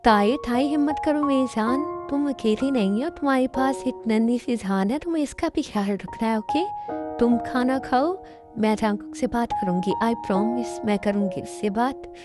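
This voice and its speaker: A woman's voice: a little high, moderate pace, close to an everyday voice. A woman voicing a caring, reassuring older mother figure in a fan dub. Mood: soothing. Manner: soothing, reassuring. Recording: music in background.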